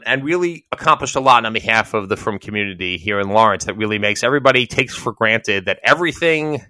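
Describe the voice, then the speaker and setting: An American man in middle age delivers an informal solo commentary in a bright, forward voice. He wanders reflectively from point to point, leaning on repeated phrases for emphasis. The sound is dry, with hardly any room to it. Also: medium pitch, no echo. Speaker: host.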